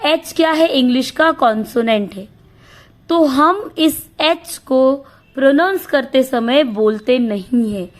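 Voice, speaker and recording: A woman gives an English grammar lesson. Her voice sits high and she talks at a slow, deliberate pace. She repeats key words and reads English rules out word by word. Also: expressive. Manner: asks questions and answers them herself, repeats key words.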